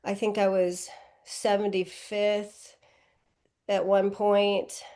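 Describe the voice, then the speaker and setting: A guest athlete in her forties answers interview questions casually, rambling and correcting herself with lots of "um" and "like." Her mid-range voice is warm but flat in delivery, and she speaks slowly.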